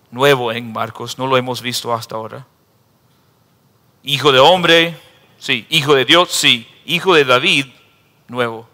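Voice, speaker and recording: A man's voice: medium pitch, sharp tone, in a large hall. A man preaching a sermon in a church who acts out the people he reads about in raised voices. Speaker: pastor.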